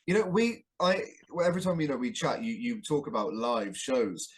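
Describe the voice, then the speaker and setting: A man hosting an interview, friendly and appreciative as he asks long questions. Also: mid-range voice. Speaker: podcast host.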